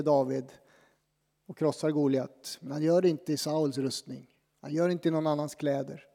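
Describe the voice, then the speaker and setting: A man preaching as a pastor, talking in a conversational, self-deprecating way with dramatic pauses. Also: a little high, dark tone. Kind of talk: sermon. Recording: long reverb from a church hall.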